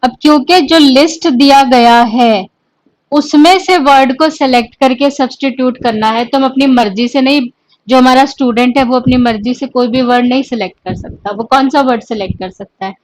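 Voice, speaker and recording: A woman with an Indian English accent teaching an exam-prep English lesson, dictating terms slowly and then explaining them in Hindi. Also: high voice, low-quality recording. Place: coaching class or studio.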